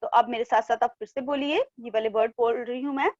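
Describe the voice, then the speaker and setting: A woman teacher giving an online class to young children, drawing out syllables slowly and repeating each word twice for them to copy. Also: a little high, steady tone, darkish tone, no echo, dull audio. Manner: coaxing, repeats words in pairs. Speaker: primary school teacher. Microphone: online class from home.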